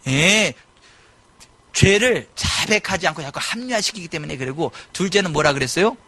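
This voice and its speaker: A middle-aged male pastor preaching a sermon in a church, animated and given to sudden loud exclamations. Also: on the high side, normal speed, no echo. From South Korea. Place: church sanctuary.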